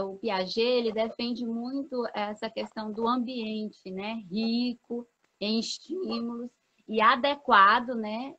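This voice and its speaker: A fairly high-voiced woman talks as a pedagogue in a casual interview, explaining step by step and tagging her sentences with little questions. The sound is dull and lo-fi, as on a video call. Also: bright, forceful tone. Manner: explanatory, many "né?" tags and restarts. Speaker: pedagogue guest.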